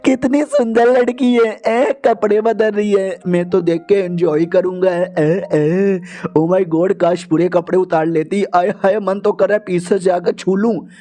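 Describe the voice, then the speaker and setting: Rich: a man doing a leering, lecherous fat man with a drawling, gloating voice that sits above his usual pitch. The tone is mellow. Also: fairly even intonation, measured pace.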